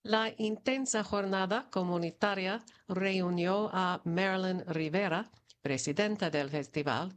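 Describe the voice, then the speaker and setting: A woman reads community news at an unhurried, deliberate pace. Her delivery is steady and measured, each item read out plainly as prepared copy. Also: on the low side. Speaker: news reader.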